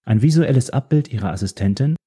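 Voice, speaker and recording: A man's voice: medium pitch, expressive, quick pace, mellow, breathy edge, pitched above the performer's own voice. A man voicing a prim, old-fashioned female digital assistant who talks in a polite, formal and slightly fussy way.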